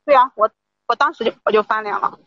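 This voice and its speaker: A woman's voice: a little high, fast talker, a bit bright, dry recording, lo-fi sound. A woman caller on a livestream advice show, insistently complaining that she was not respected, often repeating herself.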